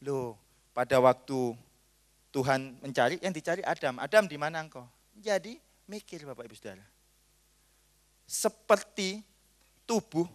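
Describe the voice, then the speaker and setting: A pastor preaching at a marriage seminar, joking and acting out little scenes between husband and wife. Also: male voice, high-pitched. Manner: jokey and animated, acts out little scenes. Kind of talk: lively seminar sermon.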